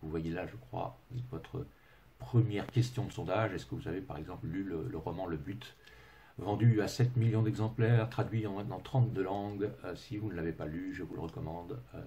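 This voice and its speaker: Gravelly deep-voiced Englishman presenting a webinar. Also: fairly even intonation, a little fast, warm tone, slight background noise. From England. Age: middle-aged. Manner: hesitant, heavy with filler sounds and restarts; dry self-mocking humor.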